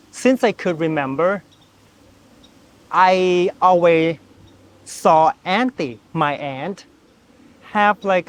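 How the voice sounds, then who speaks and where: Higher-voiced man. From Thailand. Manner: chatty, relaxed, speaks to viewer directly. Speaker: gardening channel host. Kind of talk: casual how-to gardening vlog. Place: outdoors in a home garden.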